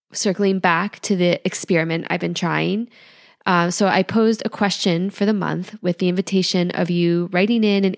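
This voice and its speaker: A woman hosting a podcast in a gentle, unhurried way, her voice nasal while she gets over an illness. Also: fairly low pitch, gravelly. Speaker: podcast host, holistic life coach. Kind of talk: calm podcast talk.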